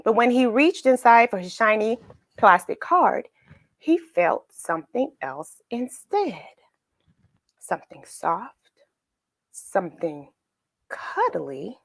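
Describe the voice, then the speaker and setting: Reading a storybook aloud for children, a woman narrates with expressive emphasis and dramatic pauses, stopping to put questions to her young audience. Her mid-range voice is captured in a dry, studio-quality recording.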